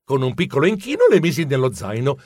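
Animated male storybook narrator. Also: medium pitch, fast, no echo, studio quality. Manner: animated, comic and expressive. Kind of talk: audiobook narration.

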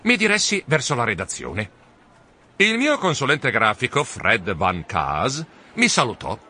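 Bright, animated male storybook narrator. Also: mid-range voice, a little slow, breathy edge. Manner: animated, expressive reading. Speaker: audiobook narrator. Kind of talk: first-person storybook narration.

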